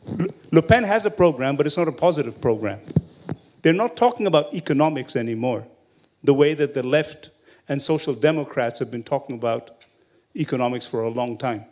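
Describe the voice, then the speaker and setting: A man's voice: mid-range voice, lively intonation, a little fast, darkish tone. A man giving a discursive comment from the audience at a lecture.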